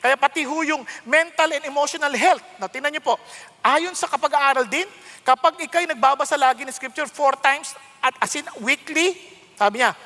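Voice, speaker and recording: A middle-aged Filipino pastor preaching an animated sermon that switches between Tagalog and English. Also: extremely high pitch. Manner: animated, mixing Tagalog and English, self-mocking humor. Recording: long hall reverb.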